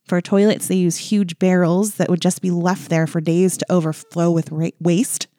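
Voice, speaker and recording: A woman's voice: fairly low pitch, level tone, moderate pace, dark tone, no echo, clean studio sound. A woman co-hosting a podcast, telling a history story casually with lots of fillers and wry asides. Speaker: podcast co-host.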